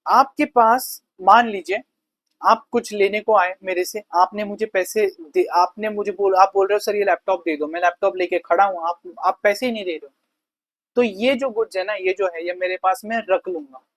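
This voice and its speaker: A male teacher giving a conversational law lecture. He reads definitions slowly, explains them quickly and casually, and keeps asking the class questions. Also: high-pitched, fairly even intonation, fairly bright tone, no room sound, poor audio. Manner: asks the class rhetorical questions.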